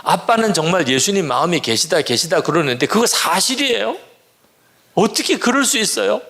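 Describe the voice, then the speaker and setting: A distraught teenage girl cries out her desperate questions in a raised, pleading voice, as a man acts her out. Her tone climbs high above his usual register, and a gravelly edge stays in her voice. She presses one anxious question after another. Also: very animated, moderate pace, a bit bright, full character voice. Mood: anguished.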